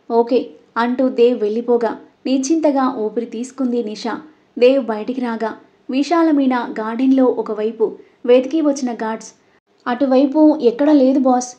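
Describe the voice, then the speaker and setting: Woman reading an audio story, warm mellow voice a bit on the high side, dull lo-fi sound. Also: fairly even intonation, moderate pace. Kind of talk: scripted audio story narration.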